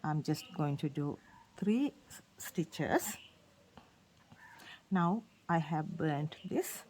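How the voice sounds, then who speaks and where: A woman's voice: low voice, animated, drawn-out words, darkish tone, a little hiss or hum. A woman with a Sri Lankan accent, a native Sinhala speaker, giving an informal step-by-step tutorial with simple, repeated phrasing. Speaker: craft tutorial host. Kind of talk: informal instructional demonstration.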